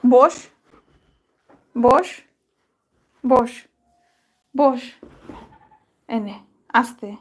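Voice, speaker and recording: A woman's voice: a little high, drawn-out words, long pauses, breathy edge. A woman talking playfully to her pet dog, coaxing it with short repeated commands. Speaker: dog owner.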